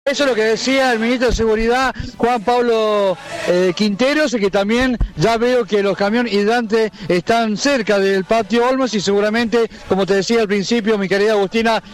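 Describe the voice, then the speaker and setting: Man, live street report, high voice. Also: fairly even intonation, normal speed. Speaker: field reporter.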